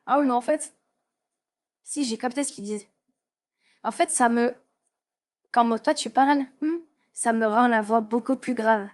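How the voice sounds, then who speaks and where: A woman's voice: on the high side, unhurried, pauses often. A woman in her twenties chatting casually on a livestream, playfully echoing lines back and forth. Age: 20s.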